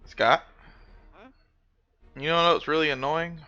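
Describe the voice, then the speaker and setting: Playful guy ribbing his brother over a game, bright and bouncy, slightly muffled audio with faint music. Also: fairly high pitch, takes it slowly. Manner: teasing, sing-song, animated. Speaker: gaming channel host.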